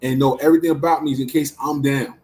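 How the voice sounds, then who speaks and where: A man's voice: medium pitch, fairly even intonation, fast, crowd noise, poor audio. A man in his forties in a casual podcast debate, insisting on finishing his point with many restarts. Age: 40s. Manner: holds the floor, stammers restarts, hold up. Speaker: podcast co-host.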